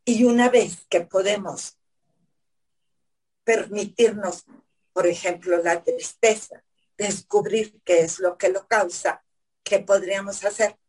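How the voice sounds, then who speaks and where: A woman psychotherapist, explaining calmly step by step in an interview, often asking herself questions. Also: mid-range voice, slow pace, pauses often, husky, poor audio. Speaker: psychotherapist guest.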